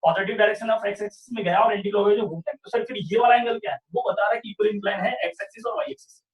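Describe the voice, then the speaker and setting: High-voiced maths teacher, echoey room. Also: male voice, fast talker, recorded from a distance. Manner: explains step by step, often asks "sahi hai kya?". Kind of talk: online revision class lecture.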